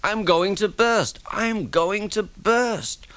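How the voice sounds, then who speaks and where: A man's voice: high voice, slow, a bit bright, clean tone, voice pushed up. A man voicing an eager, plaintive little steam engine in a children's storybook. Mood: pained, groaning. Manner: groaning, repeats himself.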